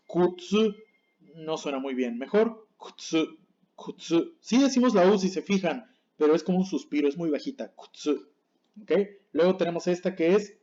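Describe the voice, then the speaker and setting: A man teaching a pronunciation lesson over a dull, lo-fi recording, his voice mellow and a little higher than most men's. He is patient, repeats each word slowly to set right against wrong, and keeps checking in with his viewers. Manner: checks in with the class often. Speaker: language teacher. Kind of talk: explaining Japanese pronunciation on screen.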